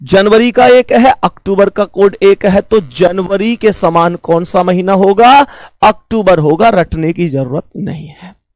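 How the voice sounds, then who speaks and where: Man teacher, high voice, slow repeated explanations, dry close sound. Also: no room sound. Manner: explains slowly, repeats points, addresses students fondly. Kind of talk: blackboard math lesson.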